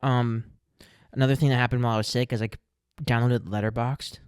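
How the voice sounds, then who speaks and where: Young guy cohosting a podcast, animated and laughing, dry close sound, middle pitch. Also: fast talker, smooth, no room sound. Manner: animated, laughs easily, restarts sentences. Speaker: podcast co-host. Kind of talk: casual chat.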